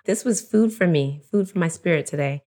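A woman's voice: lowish voice, a little fast. A woman hosting a podcast, talking in a grateful and openly appreciative way. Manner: warm, grateful, laughs often. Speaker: podcast host. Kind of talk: podcast conversation.

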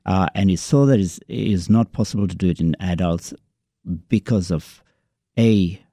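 A man being interviewed in a studio as a medical expert, explaining in a measured, halting way. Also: deep voice, mellow, no room sound. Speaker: guest, neurologist. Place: radio studio.

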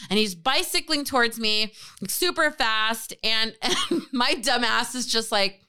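A young adult woman tells a story among friends with a high, bright voice. She is animated, laughs often and acts out the people in her tale. Her tone is smooth and clean. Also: a little slow. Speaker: storyteller guest. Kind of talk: casual chat, animated storytelling.

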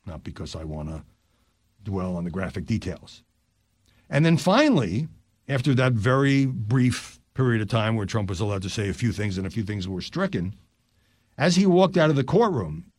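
An older man reads news stories on his podcast, his pitch rising and falling with lively emphasis. He drops his voice low for quick asides. The recording is close and dry, with no room sound. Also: husky, dry recording.

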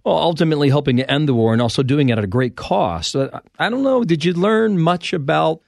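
A man's voice: a little high, expressive, a little fast, creaky, no echo, clean studio sound. A man hosting a podcast interview, asking conversational questions and checking facts with his guest. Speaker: podcast host.

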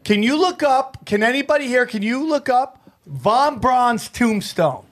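A man's voice: extremely high pitch, animated, measured pace. A man hosting a podcast debate, playful and mock-earnest, often cutting in on the others. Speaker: podcast host and moderator. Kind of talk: joking podcast banter.

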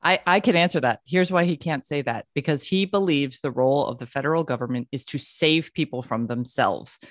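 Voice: medium pitch, brisk, dry recording, studio quality. A panelist on a political talk show, arguing firmly against the other side. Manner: argumentative, firm. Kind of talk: political commentary.

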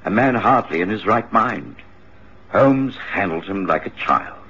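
Dr. Watson narrating, deep voice, husky, muffled radio sound. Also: male voice, lively intonation, unhurried, pushed and bright, heavily acted. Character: loyal doctor companion narrating. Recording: muffled radio drama recording.

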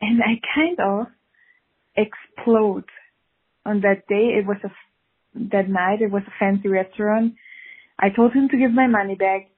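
Over a tinny phone line, a caller from Switzerland with a Swiss accent candidly confesses a dating story, laughing off her embarrassment. Her husky voice is mid-range and fairly even, a little slow, with frequent pauses.

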